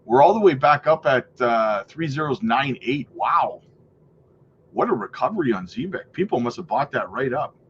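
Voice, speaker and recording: An animated crypto streamer, stuffed up with a cold, talks through live price charts and cheerfully greets viewers, regularly adding "right?" and "man." He has a medium-pitched, slightly bright voice at a moderate pace, recorded with highs cut off and slight background noise.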